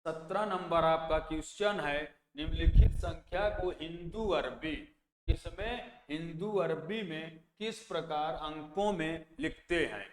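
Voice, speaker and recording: Man, math teacher, slow and deliberate, slightly high voice, reverberant hall. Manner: slow, repeats place values and asks then answers his own questions. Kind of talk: exam-prep math lesson. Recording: echoey room with long reverb, faint background noise.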